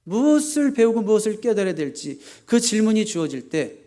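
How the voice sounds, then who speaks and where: A male pastor preaching a sermon, animated and rhetorical, moving between loud emphatic lines and quiet asides while he asks his congregation questions. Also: sits high, a little fast. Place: church service.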